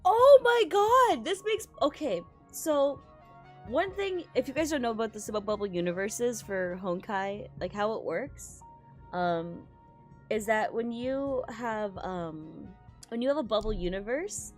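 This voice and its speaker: With game music in the background, a female streamer reads a game's story out loud, reacting as she goes, getting excited, exclaiming, and stumbling over words. Her voice is on the high side and her pace measured.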